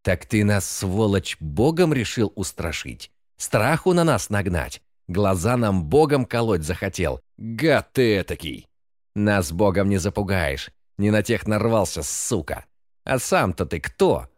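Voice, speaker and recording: A man voicing a drunk, brutal man leading a lynch mob, shouting and cursing in a menacing way. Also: fairly low pitch, expressive, unhurried, dry recording, clean studio sound. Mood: furious. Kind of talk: audiobook character voice.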